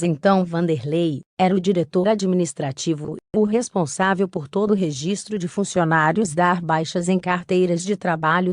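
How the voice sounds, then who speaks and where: A synthetic robotic woman's voice reading a scripted narration of a court case, even and methodical. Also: fairly low pitch, dry recording, studio quality. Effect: robotic text-to-speech voice.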